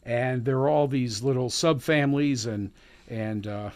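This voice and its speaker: A man hosting a live morning radio show, chatting in a halting, folksy way from the studio and calling listeners neighbor. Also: mid-range voice, darkish tone, no room sound. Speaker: radio host. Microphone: studio mic.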